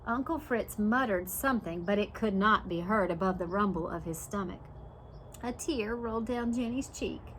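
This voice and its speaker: A woman brings a children's picture book to life like a preschool teacher, breaking off to quiz the little ones listening. She speaks at medium pitch on a low-quality recording with slight background noise.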